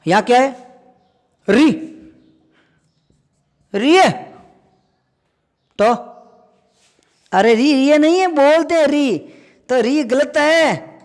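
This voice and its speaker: A male teacher giving a classroom grammar lesson, repeating key points and firing quick questions at his students. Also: very high-pitched, in a large hall.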